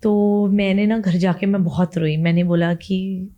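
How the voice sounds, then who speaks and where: A woman's voice: mid-range voice, fairly even intonation, unhurried, lo-fi sound, slight background noise. A young woman, an interview guest, telling her life story in an emotional, chatty way and mixing in English phrases. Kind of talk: casual interview talk.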